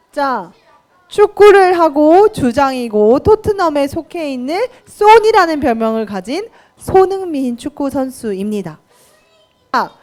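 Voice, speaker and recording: A young woman preacher giving a children's sermon in a church, talking to the kids with questions and quizzes. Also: sits high. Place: church children's worship room.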